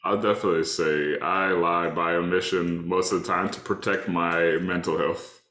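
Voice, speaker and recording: A man's voice: low voice, fairly even intonation, normal speed, pushed and bright, roomy sound. A man with a stuffed-up nose chatting casually and slangily as a podcast co-host, rambling through his points. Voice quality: congested, blocked-nose sound. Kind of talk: casual chat.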